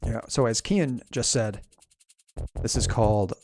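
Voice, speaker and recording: This streamer's mid-range voice is gravelly and a little slow as he thinks aloud while playing, explaining the game's music. Video game music plays in the background.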